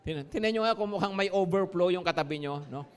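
A Filipino man preaches a sermon as a pastor, joking with humor and calling out to his congregation. His voice is high-pitched, brisk, and smooth.

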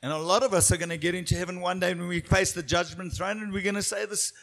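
A man delivers a sermon in short, measured phrases, stopping after each one for an interpreter. His voice sits high for a man, and he keeps the lines brief so the translation can follow. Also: steady tone, a bit bright. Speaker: preacher.

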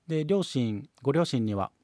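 A man's voice: medium pitch, animated, normal speed, warm tone, no echo, studio quality. A man with a Kansai accent hosting a solo podcast, talking politely and measuredly with frequent hesitation fillers as he answers and reads listener mail. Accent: Kansai Japanese. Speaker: podcast host.

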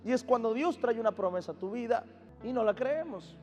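A man's voice: extremely high pitch, animated, brisk, darkish tone, muffled recording. A man preaching as a pastor, calling the crowd to repeat after him and acting out the voices he quotes. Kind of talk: sermon. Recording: long hall reverb, faint music behind.

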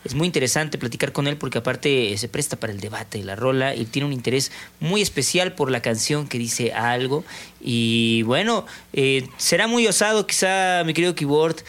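A man with a Mexican accent co-hosting a casual podcast, talking in halting, slangy phrases. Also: mid-range voice, animated, fairly bright tone. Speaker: podcast co-host. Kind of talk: casual chat.

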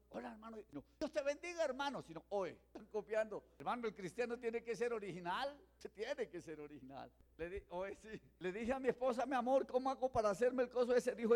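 An older man, preaching as pastor in a church, slowing down and rising to loud exhortation. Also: sits high. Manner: slows for emphasis and rises to loud exhortation. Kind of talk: sermon.

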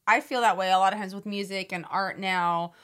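A woman's voice: mid-range voice, fairly even intonation, fairly quick, fairly bright tone, smooth. A woman co-hosting a podcast, chatty and sympathetic, often finishing her co-host's sentences. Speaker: podcast co-host. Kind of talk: casual chat.

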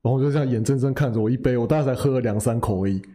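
Fast-talking young man with a dark voice. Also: mid-range voice, a little hiss or hum. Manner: rambling, self-correcting, laughs at himself. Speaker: podcast co-host. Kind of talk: casual storytelling chat.

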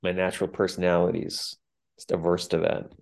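A man's voice: low voice, monotone, fairly quick, vocal fry. A man in casual podcast chat, telling stories candidly and animatedly.

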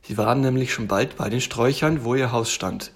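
A man reading a bedtime story aloud in a gentle storytelling manner. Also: mid-range voice, a little fast, slightly rough. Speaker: story reader.

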